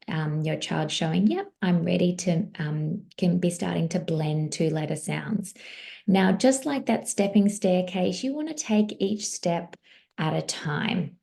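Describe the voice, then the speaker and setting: A former teacher giving a parenting webinar, encouraging and demonstrating words slowly, syllable by syllable. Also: female voice, on the low side, dark tone.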